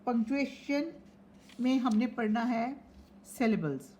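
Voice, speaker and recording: Slow, deliberate woman teaching. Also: fairly high pitch, animated, mellow, slight background noise. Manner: slow, deliberate, spells words out letter by letter. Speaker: English teacher. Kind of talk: lesson explaining vocabulary and syllables.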